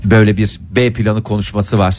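A man's voice: fairly low pitch, flat delivery, brisk, darkish tone, faint music behind. A man hosting a casual, humorous talk, telling things in a rambling, colloquial way. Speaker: talk show host.

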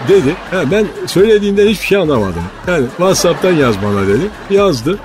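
A blustering club president. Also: male voice, a little high, very animated, fast, music in the background, a crowd in the background. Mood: rambling. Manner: rambling boastful storytelling, ranting insults. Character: blustering male football club president, boastful and hot-tempered. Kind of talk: radio comedy sketch.

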